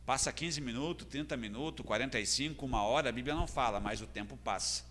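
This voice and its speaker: A man's voice: mid-range voice, fast, fairly bright tone. A man with a Brazilian Portuguese accent preaching a sermon as pastor, earnest and building in intensity. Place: church hall. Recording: long church hall reverb.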